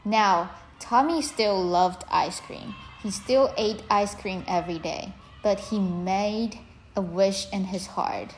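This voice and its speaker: A woman narrating a children's story in a slow, clear, deliberate reading voice. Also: mid-range voice, slight background noise.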